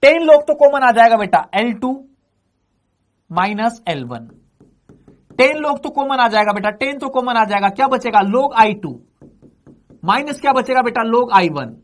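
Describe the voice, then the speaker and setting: A man's voice: very high-pitched, sing-song, a little slow, long pauses. A male physics teacher giving an exam-prep lecture. He keeps calling students "beta", asks them questions and answers them himself, and repeats each phrase several times.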